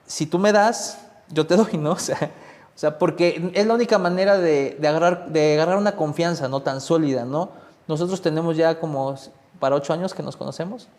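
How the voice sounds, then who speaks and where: A man with a slightly higher voice hosts a casual podcast conversation. He talks in a loose, chatty way, often tagging his sentences with questions. His voice rings with a long reverb. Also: fairly quick, darkish tone. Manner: chatty, full of filler tags and rephrasing. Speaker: podcast host. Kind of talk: casual interview.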